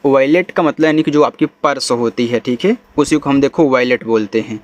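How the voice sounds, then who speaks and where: A man teaching English reading, spelling words letter by letter, then saying them slowly. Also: medium pitch, lo-fi sound. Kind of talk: spelling-out phonics lesson.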